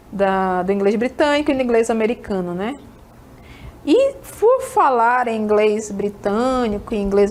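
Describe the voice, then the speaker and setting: A woman English teacher with a northern Brazilian accent, giving a recorded classroom lesson and often checking in with tag questions. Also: on the high side. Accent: northern Brazilian, Amazonas. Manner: peppers talk with tag questions to students.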